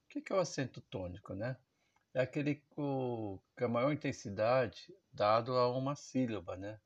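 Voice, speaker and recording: A man's voice: mid-range voice, normal speed, muffled recording. Patient man teaching music. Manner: patient, explanatory, checks in with "né?" and "tá certo?". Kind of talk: instructional music lesson.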